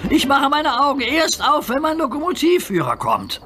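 A man's voice: high-pitched, expressive, normal speed, over loud music, pitched above the performer's own voice. A man voicing a small, cheeky young male tank engine who teases and scares easily. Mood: frightened. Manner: teasing, easily frightened.

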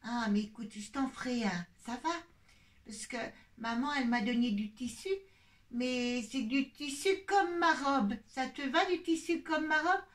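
A woman puppeteer voicing a motherly doll in a children's puppet show, speaking in a calm, soothing tone. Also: high voice, measured pace, far from the mic. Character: motherly doll caring for two bears.

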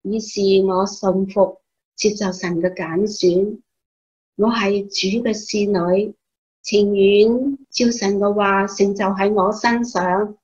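Woman acting slow-spoken, devout Mary, mother of Jesus. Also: medium pitch, lo-fi sound, close to an everyday voice. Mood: solemn, trusting. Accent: Hong Kong Cantonese. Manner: measured, expressive storytelling. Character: calm, devout mother telling of her youth. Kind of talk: Bible story radio drama.

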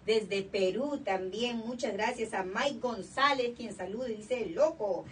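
A middle-aged woman hosts a radio interview, warmly reading out greetings to listeners. Her voice sits a little high. It is caught from a distance in a small studio, with faint noise underneath. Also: a little slow. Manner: warm, eager, reads out listener greetings. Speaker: radio show host. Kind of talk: Spanish-language radio interview. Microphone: studio desk mic, recorded from a far camera.

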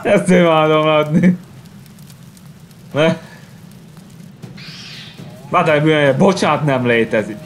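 A man commentating his own game playthrough, calm and hesitant between fights and yelling at the screen during them. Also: on the high side, a little hiss or hum. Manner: hesitant with filler pauses when calm. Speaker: gameplay commentator. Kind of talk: let's play commentary.

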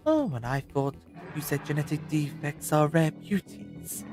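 An actor playing a quick-witted, sceptical doctor, hesitant and sardonic, in an audio drama. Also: male voice, on the high side, very animated, darkish tone, soft background music. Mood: alarmed, indignant. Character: wry, sceptical male time-travelling doctor, quick-witted and indignant.

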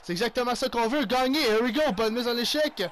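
Excitable Québécois man calling hockey. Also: very high-pitched, brisk, slight background noise. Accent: Québécois French. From Quebec. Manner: excitable play-by-play, mixes English exclamations and Quebec swearing. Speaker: gaming YouTuber. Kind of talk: live hockey game commentary.

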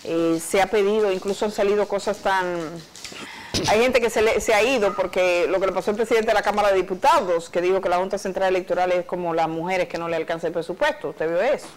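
A woman's voice: mid-range voice, fairly even intonation, quick pace, a little hiss or hum, poor audio. A woman hosting a TV studio interview, asking probing questions in a conversational way, recorded on a lapel mic. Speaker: TV host. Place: TV studio set.

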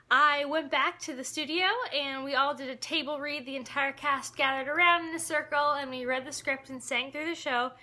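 Bubbly high-voiced young woman vlogging. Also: pushed and bright. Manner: bubbly and enthusiastic, laughs often. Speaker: vlogger and ensemble cast member. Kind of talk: casual vlog.

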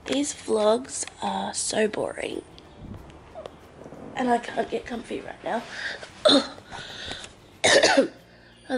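A young Australian vlogger talks casually to her camera in the living room of her house, her nose stuffy and blocked. Her slightly high voice is gravelly, and she rambles hesitantly with plenty of fillers. The handheld camera, held at arm's length, picks up slight background noise.

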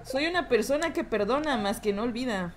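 Young woman, Mexican accent, game streamer, rowdy, lively pitch, noisy recording. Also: a little fast. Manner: rowdy, swears and laughs a lot, reads chat aloud. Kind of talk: live gameplay stream chatting with chat.

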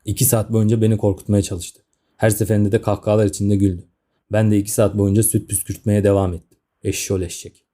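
Fast-talking, sardonic male storyteller. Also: fairly low pitch, level tone, dark tone. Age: 30s. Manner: grumbling, sardonic. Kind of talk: comic story narration.

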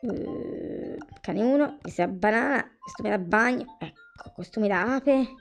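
Commentating casually on a life-sim game, this woman talks both to her viewers and to the game's characters. She speaks slowly in a creaky, medium-pitched voice, and faint music plays in the background.

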